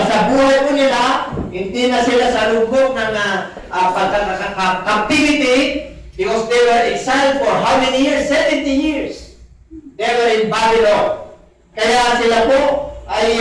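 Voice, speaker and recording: A man preaching a sermon as pastor, mixing Tagalog and English scripture readings, with polite "po" and many "ah" pauses. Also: high voice. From Philippines. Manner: polite "po", frequent "ah" hesitations. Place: church hall. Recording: very echoey, voice from far off.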